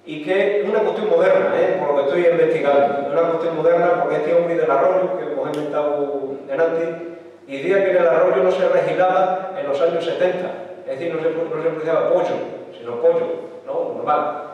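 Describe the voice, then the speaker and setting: Extremaduran guy giving a talk, fairly high voice, far off mic in a big echoey hall, kinda muffled. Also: fairly quick, darkish tone. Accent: Extremaduran Spanish. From Extremadura, Spain. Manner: explanatory, frequent rhetorical tag questions. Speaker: lecturer on local dialect. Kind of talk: public talk. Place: hall with audience.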